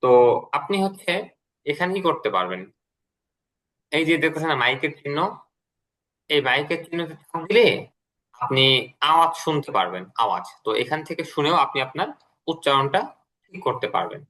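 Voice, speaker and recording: Bright-voiced patient male English teacher. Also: fairly high pitch, big pitch swings. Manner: patient, repeats key words slowly. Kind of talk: explaining a lesson to a student.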